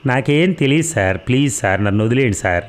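A man's voice: mid-range voice, expressive, fast talker, close to an everyday voice. Man doing a pleading, terrified young suspect. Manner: pleading, desperate. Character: frightened young man under interrogation.

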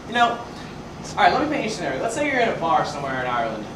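A young man playing a ranting barfly who spins a rambling tall tale in a stage comedy sketch, stopping himself mid-story and working up to shouts, heard from far off in an echoey school auditorium. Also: fairly high pitch, huge pitch swings, racing. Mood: wry. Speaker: student performer in a variety show sketch. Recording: echoey hall, mic far off, noisy.

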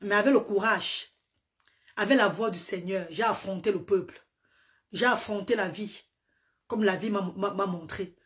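This parent advocate and live-stream host, a Medumba-speaking woman, addresses her social-media audience with preacherly fervor and repeated emphatic lines. She talks at a moderate pace in a mid-range voice, leaving long pauses. The setting is a small indoor room where she sits on a sofa, filmed close up on a phone camera.

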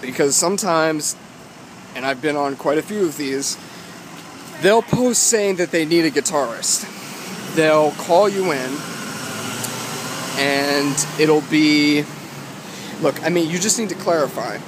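Out on a city street, a young man in his twenties who vlogs about guitar shares casual tips, halting yet emphatic, his voice a little high. He films on a phone held at arm's length while wearing wired earbuds, and loud wind plus traffic and urban sounds crowd the recording.

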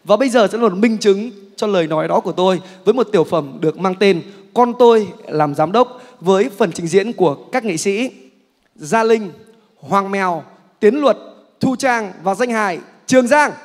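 A man's voice: high voice, expressive, normal speed. A male master of ceremonies introducing a sketch with rhythmic, rhetorical wordplay on a theater stage. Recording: reverberant hall with audience.

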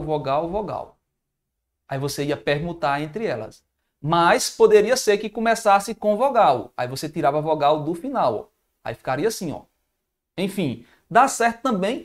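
A Brazilian man teaching a live math review, thinking aloud and answering viewer comments in an informal way. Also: sits high. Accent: Brazilian Portuguese.

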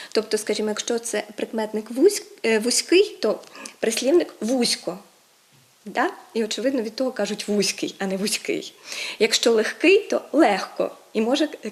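A woman presenting an educational segment on word stress, explaining patiently with hesitation fillers and stressing each example word. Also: medium pitch. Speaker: language presenter.

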